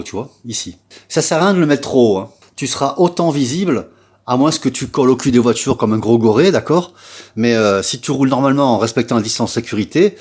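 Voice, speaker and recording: A man's voice: medium pitch, breathy edge. Chatty French man giving a blunt tutorial. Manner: chatty, blunt and slangy, addresses viewer as tu, many filler tags. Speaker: scooter repair vlogger. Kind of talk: casual how-to tutorial.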